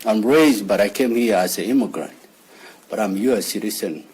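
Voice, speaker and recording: A man from Somalia, speaking as a father at a press conference in halting English, often repeating words and restarting his sentences. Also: fairly low pitch, a little mellow, breathy edge, rough recording. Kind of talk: emotional press conference statement.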